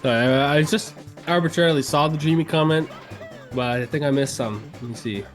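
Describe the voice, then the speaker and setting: A man's voice: on the high side, moderate pace, faint music behind. A man co-hosting a game stream, chatting casually and reading viewer comments, rambling and laughing often. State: choking a little on a coffee bean. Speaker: streamer co-host.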